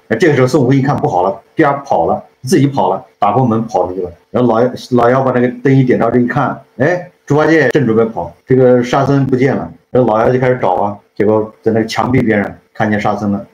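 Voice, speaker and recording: A man's voice: medium pitch, quick pace, few pauses, a little mellow, a little hiss or hum. A man casually retelling a classic story as a channel host, rambling and often correcting himself while checking in with the listener. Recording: roomy, dull lo-fi sound.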